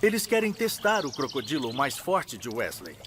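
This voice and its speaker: A man's voice: medium pitch, huge pitch swings, moderate pace, noisy background. A man narrating a scripted nature documentary in a dramatic manner. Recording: loud music behind the voice. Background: loud music.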